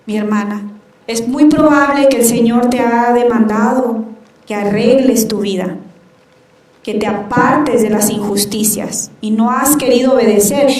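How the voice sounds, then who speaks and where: A woman's voice: fairly high pitch, a little mellow. A woman preacher giving a fervent sermon in a church hall, often calling out to the congregation. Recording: echoey hall, voice from far off, dull sound.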